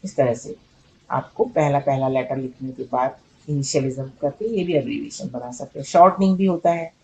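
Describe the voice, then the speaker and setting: A woman's voice: rumbling low, normal speed, vocal fry, darkish tone, slight background noise, low-quality recording. A woman teaching in a patient, explanatory way, repeating key words and checking in with her students. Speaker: English teacher. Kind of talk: explanatory video lesson.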